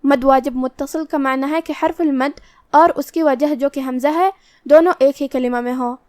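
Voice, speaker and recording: A woman teaching Quran recitation rules, explaining step by step and reciting verses slowly. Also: high voice, no echo, clean studio sound. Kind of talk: tajweed lesson with slow recitation.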